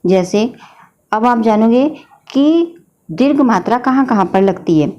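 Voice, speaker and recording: A woman's voice: fairly high pitch, expressive, measured pace, warm tone, highs cut off. A woman teacher explaining a grammar lesson patiently, often addressing her students as children. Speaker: Hindi teacher.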